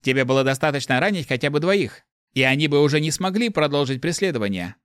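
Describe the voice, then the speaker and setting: A man voicing a disembodied spirit voice, raised high. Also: lively intonation, fast, a bit bright, clean tone, no room sound, clean studio sound. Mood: scornful. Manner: urgent, reproachful. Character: disembodied male spirit voice inside a young man's head, scolding and urgent. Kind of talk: audiobook narration.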